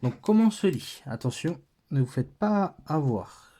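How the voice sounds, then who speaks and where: A man's voice: fairly high pitch, big pitch swings, unhurried, warm tone, slightly rough. A man with a French accent teaching a patient, step-by-step lesson, thinking aloud as he writes.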